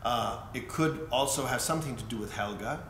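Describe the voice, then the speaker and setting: Bright-voiced man retelling an opera plot. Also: medium pitch, fairly quick. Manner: relaxed storytelling, briefly acting out characters' lines. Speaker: conductor explaining an opera. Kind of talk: casual spoken introduction. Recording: echoey room with faint noise.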